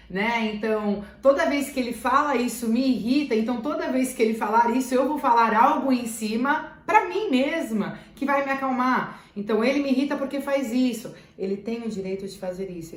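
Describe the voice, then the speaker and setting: A woman teacher with a Brazilian Portuguese accent talks earnestly to parents and repeats key phrases for emphasis. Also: on the high side. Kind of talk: talking to parents. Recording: roomy echo.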